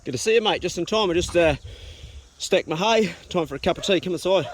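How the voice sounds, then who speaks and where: A high-voiced man with a broad New Zealand accent vlogs outdoors on a farm and a small boat, chatting at a quick pace in a relaxed, matey, slangy way. Loud wind and boat noise fill the recording.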